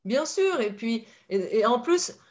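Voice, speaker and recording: Woman coach, French accent, expressive and upbeat, slightly high voice. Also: measured pace, highs cut off. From France. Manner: lively, expressive, laughs often. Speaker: life coach. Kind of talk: conversational talk with metaphors.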